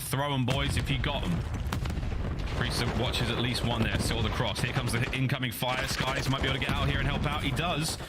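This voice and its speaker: A man calling live esports play-by-play in quick, punchy bursts. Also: medium pitch, heavy background noise.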